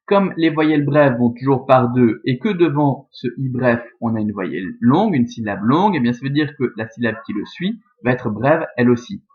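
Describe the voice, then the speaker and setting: Guy teaching latin verse in a screen-recorded lesson, steady and methodical, lots of "hein" and "euh", kinda muffled lo-fi sound. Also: medium pitch, normal speed, few pauses. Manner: methodical, explains step by step with fillers like "hein" and "euh". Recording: dull, lo-fi sound.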